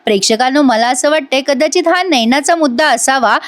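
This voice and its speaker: High-voiced woman recapping a TV serial. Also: a little fast, dry recording. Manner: lively storytelling that speaks to viewers. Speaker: TV serial reviewer. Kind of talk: chatty episode recap voice-over.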